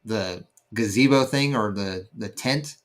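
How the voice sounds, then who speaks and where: Low-voiced man, rambling casual chat. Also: unhurried. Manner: rambling, many fillers, searching for words. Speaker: podcast co-host.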